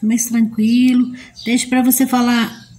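A woman's voice: fairly high pitch, little pitch movement, a little slow, mellow. Chatty Brazilian woman hosting a live stream. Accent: Brazilian Portuguese. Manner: chatty and homely, talks straight to viewers as friends. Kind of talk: casual live chat, reading viewer comments aloud. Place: at home near her potted plants. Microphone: phone streaming live.

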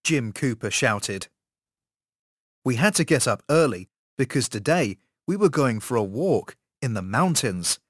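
A man reading a story aloud as scripted narration for an English course recording, with a slow, careful delivery. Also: medium pitch, animated, dry recording, clean studio sound.

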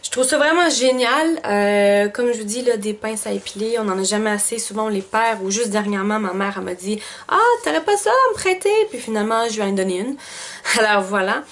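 A woman's voice: mid-range voice, steady tone, a little fast, hardly any pauses. A woman with a Quebec French accent chatting casually through a beauty box unboxing, thinking aloud with lots of fillers. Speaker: beauty vlogger.

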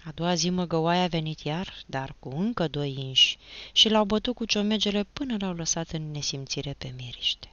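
A woman narrating an audiobook in an expressive storytelling manner. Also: sits low, no echo. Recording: slightly dull, dry recording.

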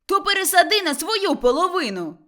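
A woman's voice: a little high, expressive, normal speed, fairly bright tone. A woman voicing a sarcastic young peasant man in a storybook reading. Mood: mocking. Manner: mocking, sarcastic.

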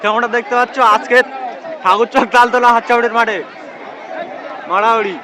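A man's voice: very high-pitched, fairly even intonation, normal speed. A man gives live commentary like a race caller, repeating phrases and addressing viewers as friends, outdoors on a field. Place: outdoors at a crowded village racing field. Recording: noisy outdoor field with loud crowd.

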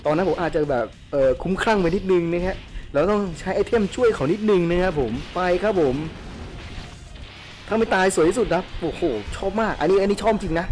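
A man hosts his gaming channel with live commentary of his play. He is excitable and crude, yelling at the characters on screen as they fight. Faint game music plays beneath his voice. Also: high-pitched, fairly quick.

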